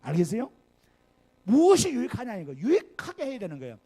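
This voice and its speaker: A man's voice: extremely high pitch, huge pitch swings, fairly quick, warm tone, slightly rough. An older man, a pastor, preaching a sermon in a Gyeongsang accent, chatty and full of asides and rhetorical questions. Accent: Gyeongsang Korean. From Gyeongsang region, Korea. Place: church sanctuary.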